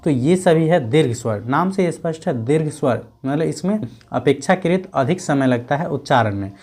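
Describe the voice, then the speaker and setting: A man teaching a grammar lesson who asks questions and answers them himself, repeating key points, checking in often and sounding out letters slowly. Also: fairly high pitch, animated, darkish tone.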